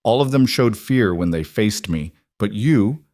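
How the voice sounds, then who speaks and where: A man voicing a huge scarred male fighter who talks slowly and gravely, with a heavy accent and broken grammar. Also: fairly low pitch, expressive, darkish tone, no echo. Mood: solemn.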